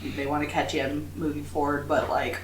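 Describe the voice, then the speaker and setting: A woman's voice: deep voice, level tone, normal speed. A woman co-hosting a podcast in casual, gushing chat, her voice sounding tinny, like talking through a tin can. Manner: gushing, chatty, laughs easily. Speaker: podcast co-host. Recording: tinny, echoey home recording with faint hiss.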